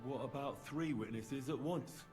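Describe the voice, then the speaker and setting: A man's voice: medium pitch, measured pace, a little mellow, faint music behind, lightly acted. Actor as a confident, scheming male investigator. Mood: assured. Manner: assured, persuasive. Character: confident, reassuring investigator laying out a trap. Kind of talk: conversational video game dialogue.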